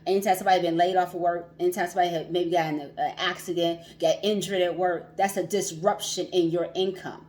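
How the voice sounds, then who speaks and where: A woman's voice: lowish voice, fairly even intonation, fast talker, few pauses, darkish tone. A woman hosting a casual livestream as a financial coach, chatty, laughing often and repeating herself.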